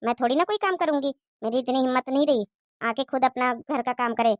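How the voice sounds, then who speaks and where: Bossy cartoon mother-in-law , played by a woman, nagging and taunting. Lower than the performer's own high voice, dry recording. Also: brisk, no echo, lightly acted. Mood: scolding.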